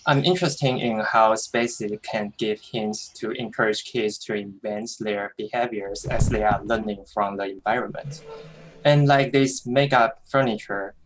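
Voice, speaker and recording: A male architecture student presenting his design project over a video call, in a slightly halting prepared delivery. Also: on the low side, fairly even intonation, a little hiss or hum, poor audio.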